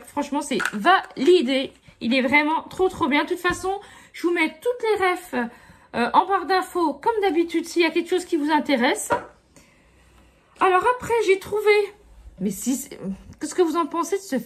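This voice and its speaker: A middle-aged woman chatting casually through a haul review, full of fillers and asides to her viewers. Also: sits high. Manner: chatty, many fillers like euh and franchement. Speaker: beauty vlogger.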